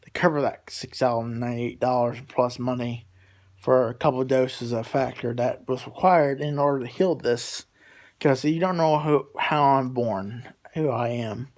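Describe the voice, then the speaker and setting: A vlogger in his late twenties talks casually to his subscribers, rambling, repeating himself and drifting from one thought to the next. His voice is medium-pitched and a little mellow.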